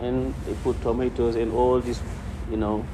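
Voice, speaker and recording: In an informal religious talk, a man teaches hadith to his congregation at normal speed and medium pitch, quoting Arabic and repeating phrases for emphasis. A constant hum fills the noisy room behind him.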